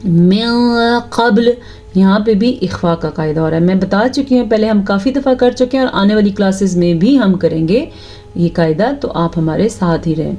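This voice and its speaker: Female Quran tutor, patient and explanatory, slow chanted recitation, dull lo-fi sound. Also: mid-range voice, dark tone. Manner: explains rules patiently, asks "ٹھیک ہے؟" after each point.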